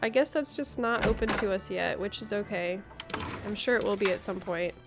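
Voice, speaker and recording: A woman with a mid-range voice hosts a gaming video, giving casual playthrough commentary and thinking aloud in a chatty way at normal speed. Game music plays in the background.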